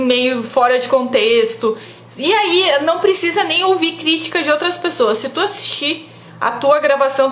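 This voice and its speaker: A woman's voice: sits high, fairly bright tone, reverberant, slight background noise. A young woman from giving casual public speaking advice on a live stream, chatty and full of "tá?" tag questions. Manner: chatty, frequent "tá?" tag questions, laughs often.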